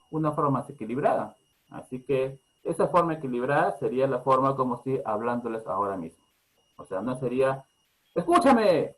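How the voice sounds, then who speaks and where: A man's voice: medium pitch, rough recording. A man with a Peruvian Spanish accent teaches a parenting class through a teleconference microphone. He explains steadily and patiently, turning often to the listeners with questions. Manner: calm explanatory teaching, asks the audience questions and demonstrates tones. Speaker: psychologist giving a parenting talk. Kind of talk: online lecture. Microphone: teleconference computer mic.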